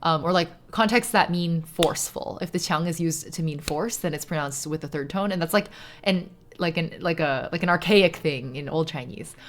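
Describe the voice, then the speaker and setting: With a deep voice at normal speed, a Shanghainese speaker talks casually as she crafts during a stream. She goes on at length explaining things, leaning heavily on "like" and cursing casually at times.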